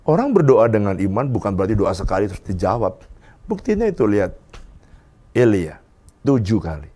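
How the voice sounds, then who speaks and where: A male pastor preaching a sermon in a church, telling a story with lively acted-out quotes and frequent chuckles. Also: lowish voice, brisk. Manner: often chuckling. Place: church sanctuary.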